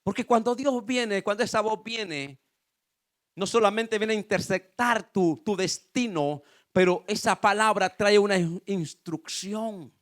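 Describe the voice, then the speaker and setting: A man's voice: high-pitched, measured pace, a bit bright. A pastor preaching a sermon to his congregation, repeating phrases with fervor and frequent calls of "aleluya". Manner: rhetorical questions and repetition.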